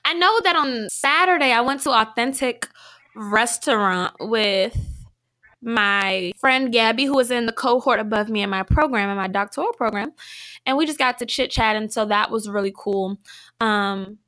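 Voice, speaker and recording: A young woman co-hosting a podcast in casual chat, animated and slangy, laughing often. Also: on the high side, normal speed. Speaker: podcast co-host. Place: home, Minneapolis.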